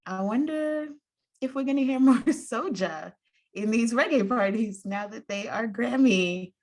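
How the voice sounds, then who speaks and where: A woman co-hosting a casual, opinionated chat in an animated way. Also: a little high, measured pace. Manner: animated, acts out imagined quotes, laughs easily. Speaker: podcast co-host.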